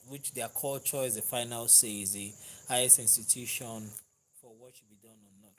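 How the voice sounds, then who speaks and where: A Nigerian man whose first language is Yoruba hosts a live stream, reading viewer comments in a casual, conversational way, warmly thanking viewers and laughing easily. His voice is mid-range, and the rough recording carries slight background noise.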